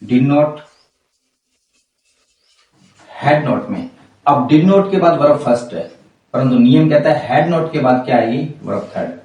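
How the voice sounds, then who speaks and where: A man with a Hindi accent teaching English grammar in a classroom style, going over each rule slowly and firing questions back at his students. His voice is mid-pitched and carries a heavy room echo. He sounds a fair way off from the mic. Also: animated, dark tone. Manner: explains step by step, repeats and quizzes students, calls them beta. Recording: echoey room, mic far off.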